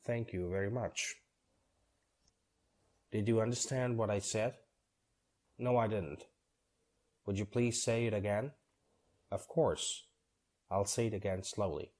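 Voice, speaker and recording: A man reading both parts of short scripted dialogues for English learners, steady and measured. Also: on the low side.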